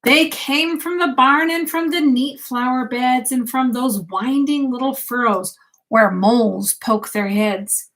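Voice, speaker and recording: An older woman, a grandmother, reads a picture book aloud at bedtime in a high, slightly slow voice. She reads expressively and asks the child gentle questions.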